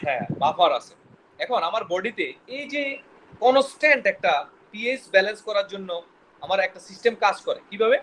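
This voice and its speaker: A man lectures a biology class at a quick clip in a high voice, often quizzing his students and stumbling over technical words. Faint room ambience sits behind him. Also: expressive, fairly bright tone, a little hiss or hum, rough recording. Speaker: biology teacher.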